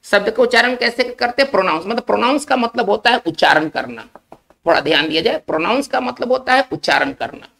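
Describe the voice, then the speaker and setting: A man's voice: high-pitched, lively intonation, creaky, sharp tone. A man teaching English spelling and word meanings in a recorded lesson, explaining step by step and often checking that students follow. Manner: explains slowly in Hindi, often checks with "isn't it?".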